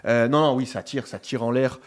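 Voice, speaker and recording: A man delivering his segment on a radio talk show at an ordinary pitch. He talks in a chatty, roundabout way, restarting his sentences and filling pauses as he goes. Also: fairly even intonation. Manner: chatty, digressive, many restarts and fillers. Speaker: radio columnist.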